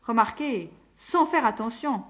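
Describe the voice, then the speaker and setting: A woman voicing a jovial, talkative northern man in a hospital bed, asking nosy questions in a raised, brighter voice. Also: animated, a little slow. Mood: chatty. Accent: northern English (voiced). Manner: chatty, nosy, louder and higher than narration. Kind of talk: audiobook character voice.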